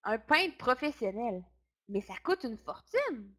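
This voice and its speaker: A woman's voice: on the high side, expressive, normal speed, lightly acted. A woman reading a children's story aloud, voicing a worried, short-tempered father who grumbles and gets exasperated. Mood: grumbling.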